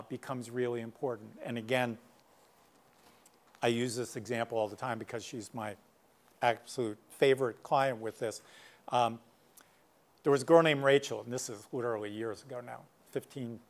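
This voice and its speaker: Conversational middle-aged male workshop speaker. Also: mid-range voice. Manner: conversational, many asides and anecdotes. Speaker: guest speaker, clinician. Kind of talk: workshop lecture.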